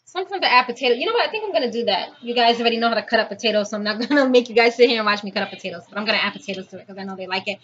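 A woman in her thirties hosts a casual, chatty home cooking vlog in her indoor kitchen, walking viewers through each step while her hands stay busy. Her fairly high voice is animated and rapid-fire, with hardly any pauses. A built-in camera or phone mic within arm's reach gives dull lo-fi audio with loud noise and clicking.

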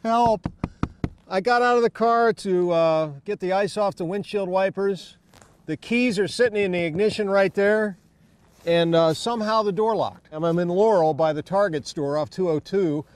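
A man reports live from outdoors beside a car, his voice high for a man. He mixes reporting with pleas for help, with faint noise around him. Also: moderate pace. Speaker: TV field reporter.

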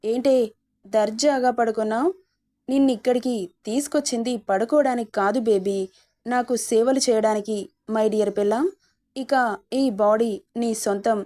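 A woman's voice: a little high, steady tone, normal speed, mellow, lightly acted. A woman reading a storybook, voicing a cruel and mocking young husband with a menacing, taunting manner.

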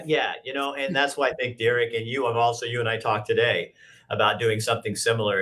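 A man's voice: lowish voice, pushed and bright. A man in his fifties hosting an interview over a video call, talking in loose, rambling sentences with frequent restarts. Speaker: host. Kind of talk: casual interview chat. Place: indoor office with brick wall. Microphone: video call webcam.

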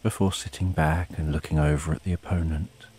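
Soft husky guy doing sleep story narration, really mellow and calm, rain behind him. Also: rumbling low. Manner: calm, unhurried, with long pauses. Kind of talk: slow, soothing bedtime story narration.

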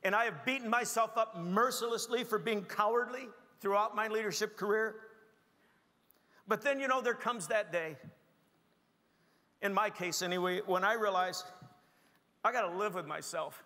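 A man's voice: high voice, moderate pace, pauses often, sharp tone, long reverb tail. A middle-aged male pastor giving an earnest, exhorting leadership sermon, calling his audience "gang".

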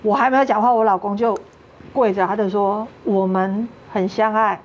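Recounting a personal story on a talk show, a Taiwanese Mandarin-accented woman earnestly acts out the dialogue of others. Her medium-pitched voice is fairly even at a moderate pace. The recording is lo-fi, with a little hiss or hum.

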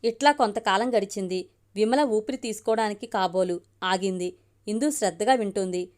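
A woman narrating a family story in a steady, measured audiobook reading. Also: medium pitch.

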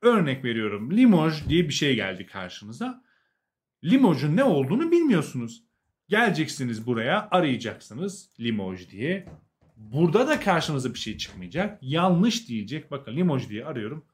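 A man's voice: a little high, sing-song, moderate pace. A young adult man with a Turkish accent teaching a live language lesson, explaining, translating and repeating key words for learners.

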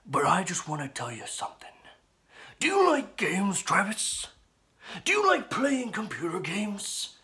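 A man playing a cocky, ranting comic pro wrestler in a theatrical wrestling promo, gravelly and swinging between hoarse whispers and shouts. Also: sits high, huge pitch swings, unhurried, heavily acted. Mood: taunting. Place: small bedroom, indoors.

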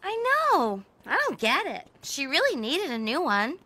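An earnest, excitable cartoon teenage girl. The voice is very high and bright, with lively, bouncing pitch. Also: unhurried, no room sound, heavily acted.

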